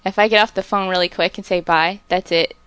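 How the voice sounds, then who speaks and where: A woman's voice: on the low side, steady tone, brisk, fairly bright tone, smooth, dry recording. A woman from the American South, co-hosting in a teasing, laughing way. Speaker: co-host. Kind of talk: casual chat.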